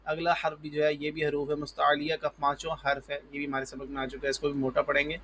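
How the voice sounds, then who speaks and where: A man with a fairly high voice teaches the alphabet for Quran reading. He calls out each letter slowly and loudly, then explains its sound in a quieter, patient way. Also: monotone, husky. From Pakistan. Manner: patient, repeats "ji" and "parh lijiye". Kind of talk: alphabet lesson.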